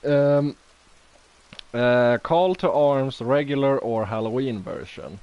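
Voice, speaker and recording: A man hosting a casual stream interview, his pitch in a middle range. He talks slowly and hesitantly, stalling with ums and repeated okays between questions. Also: clean tone, dull audio. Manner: hesitant, many fillers, lots of okays. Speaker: host interviewing players.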